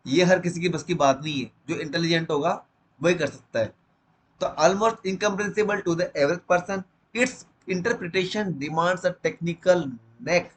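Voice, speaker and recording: A man teaching a literature lesson line by line. He reads the English text slowly, then explains it quickly in Hindi. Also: fairly high pitch, slightly rough, poor audio.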